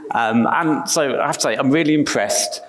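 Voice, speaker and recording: A man's voice: medium pitch, moderate pace, a bit bright. A middle-aged English man giving a conference talk on stage, chatty and self-deprecating, with frequent restarts. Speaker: conference speaker.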